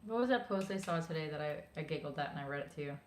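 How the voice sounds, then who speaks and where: A woman chatting casually beside the host, dropping in quick, giggly asides from off to the side. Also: deep voice, expressive. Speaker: co-host partner.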